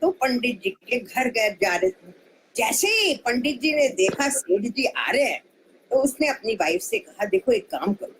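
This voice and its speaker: Woman, storyteller, kids' tale, animated, conversational, high-pitched voice. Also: a little slow, a little hiss or hum, poor audio. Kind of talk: children's story narration.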